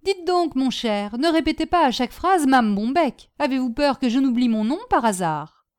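A woman voicing an excitable, bossy older landlady who scolds loudly and theatrically. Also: sits high, normal speed, clean tone, voice pushed up. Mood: scolding.

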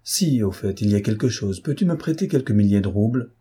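A man voicing a proud, earnest noblewoman in a storybook reading, with a husky tone. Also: on the low side, lively intonation, fairly quick, mellow.

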